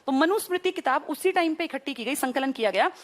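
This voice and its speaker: A woman's voice: high voice, animated, fast talker. A woman teacher giving an exam-prep history lesson, explaining step by step and asking and answering her own questions.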